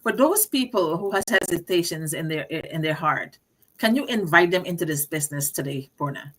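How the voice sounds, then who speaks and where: A woman's voice: fairly low pitch, expressive, moderate pace. A middle-aged woman from Guyana with a Guyanese accent, hosting a casual live-stream chat, talkative and given to repeating words. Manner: chatty, laughs often, repeats words. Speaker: host.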